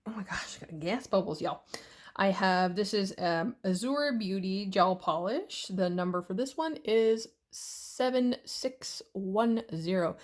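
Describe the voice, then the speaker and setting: A Canadian woman hosts a nail art tutorial in an easygoing, playful way and jokes as she goes. Her speech is slow and unhurried, and her voice sits at an ordinary pitch for a woman. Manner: chatty and playful, jokes and silly sounds. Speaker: nail art channel host. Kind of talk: casual tutorial chat.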